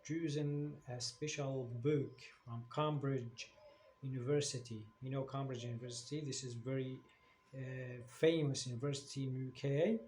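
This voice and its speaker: With a steady, mid-range, slightly mellow voice at normal speed, a man from Syria presents his new channel. He's an English teacher, a native Arabic speaker using English as a second language, and he hesitates often with fillers and restarts; faint background noise is audible.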